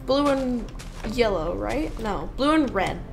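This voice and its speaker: A woman's voice: fairly high pitch, expressive, slow, vocal fry, soft background music. A woman streaming a video game, chatting casually with a friend and joking around with silly wordplay. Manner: playful, giggly, silly wordplay. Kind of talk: casual gaming chat.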